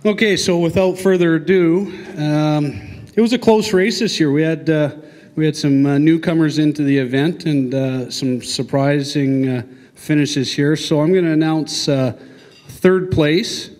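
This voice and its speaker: A man giving an informal, halting awards speech in front of an audience, with a casual, folksy manner. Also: fairly high pitch, darkish tone. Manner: casual, folksy, halting with frequent ums and pauses. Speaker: event speaker presenting awards. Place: large banquet hall. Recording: echoey hall over PA, long reverb.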